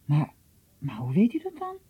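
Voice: mid-range voice, huge pitch swings, moderate pace, slightly rough, narrow, tinny audio, heavily acted. A reader voicing a curious, eager young man who asks astonished questions, in an audiobook. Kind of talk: audiobook reading.

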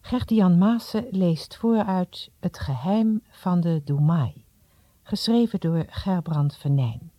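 An announcer introducing an audiobook with a slow, deliberate, scripted delivery. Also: medium pitch, expressive, dark tone, no echo. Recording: dull lo-fi with faint noise.

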